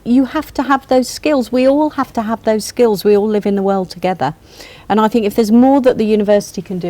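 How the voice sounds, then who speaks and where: A woman from the university's senior team fields student questions on a panel, calm and reassuring, frequently starting her sentences over. She has a mellow, medium-pitched voice.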